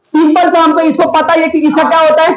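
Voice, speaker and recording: A man's voice: extremely high pitch, monotone, fast talker. A male teacher giving a classroom lesson, constantly quizzing his students with repeated questions. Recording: echoey classroom.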